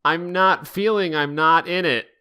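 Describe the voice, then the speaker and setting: A man's voice: fairly high pitch, unhurried, bright, forceful tone, smooth. A man voicing a blunt, self-important cartoon hedgehog hero from fan fiction, in declarative mock speeches. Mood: deadpan.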